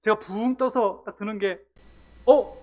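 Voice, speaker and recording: A middle-aged man from South Korea preaching a sermon in a church, telling his own story in a lively way and acting out the scenes. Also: a little high, brisk. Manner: animated storytelling, acts out scenes, laughs at himself. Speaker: missionary preacher. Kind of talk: sermon with personal testimony. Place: church sanctuary. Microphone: church sound system mic.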